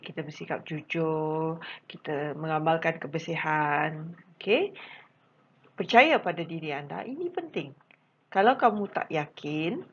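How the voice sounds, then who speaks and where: A woman with a Malaysian Malay accent teaches a recorded special education lesson, patient and repetitive, with a constant "okey" to check understanding. Her voice is low and husky. The sound is dull and lo-fi. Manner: patient, repeats points, frequent "okey" and "ha".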